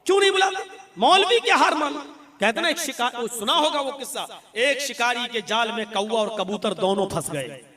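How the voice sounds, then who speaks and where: A male preacher telling stories in a lively, animated way during a humorous religious talk. His voice is very high and bright. It echoes through a hall. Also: normal speed, recorded from a distance. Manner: animated storytelling. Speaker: Islamic preacher.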